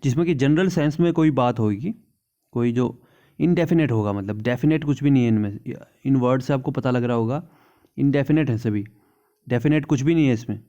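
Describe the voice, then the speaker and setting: A man teaching an English grammar lesson in Hindi. He reads the English examples slowly and keeps checking in with "theek hai na". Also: mid-range voice, dark tone, muffled recording.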